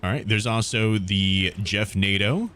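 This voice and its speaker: A man's voice: on the low side, unhurried. A man giving casual gameplay commentary as a streamer and host. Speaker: game streamer and video host. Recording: loud game noise and clicking.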